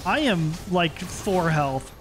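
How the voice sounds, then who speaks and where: A streamer talks over a game with friends, the voice swinging up and down with excitement. They swear freely and hum bits of songs between calls. Faint music runs underneath. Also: mid-range voice, slow. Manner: excitable, swears, sings to themself. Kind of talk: casual gaming chat with friends.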